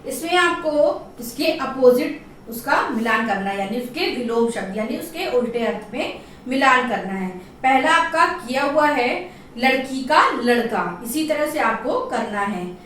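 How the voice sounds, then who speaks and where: A woman teacher leading a primary-school class, asking questions and drawing out each answer slowly for the children to repeat. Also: high-pitched, expressive, fairly bright tone, heavy reverb, recorded from a distance, slight background noise. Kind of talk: online class lesson.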